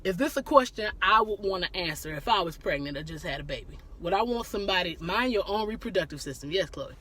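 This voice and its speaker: A woman's voice: on the low side, lively intonation, quick pace, a bit bright, slight background noise. Woman, live-stream host, easygoing and chatty, breaks to laugh and greet viewers. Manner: laughs often, greets viewers by name mid-talk. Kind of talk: casual live-stream chat answering viewer questions.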